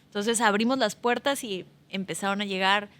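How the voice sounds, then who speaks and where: A woman's voice: medium pitch, normal speed, a bit bright. A woman hosting a faith podcast, speaking conversationally and prompting her guest with follow-up questions. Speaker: podcast host. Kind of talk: casual interview chat.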